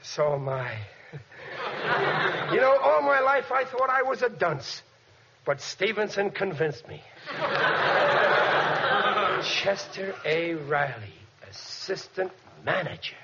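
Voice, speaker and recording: Casting: excitable blue-collar radio dad, swinging pitch, blustery stammer, bad grammar, dull 1940s recording. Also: male voice, takes it slowly, vocal fry, pauses often, heavy background noise, exaggerated voice. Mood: excited, boastful. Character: excitable, boastful, dim working-class family man. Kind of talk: 1940s radio sitcom acting.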